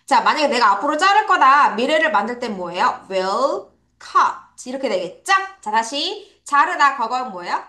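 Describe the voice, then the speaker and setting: A woman teaching English vocabulary to children in an online lesson, asking questions and answering them herself, spelling words letter by letter and drawing out each word slowly for pupils to repeat. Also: high voice, sharp tone. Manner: spells words letter by letter, slow drawn-out model pronunciation. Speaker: English teacher at a private academy.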